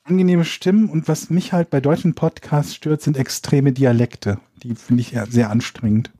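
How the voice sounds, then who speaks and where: A man's voice: mid-range voice, fairly even intonation, normal speed, mellow, dry recording, studio quality. A man co-hosting a podcast in casual chat, opinionated, sometimes stumbling over words. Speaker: podcast co-host.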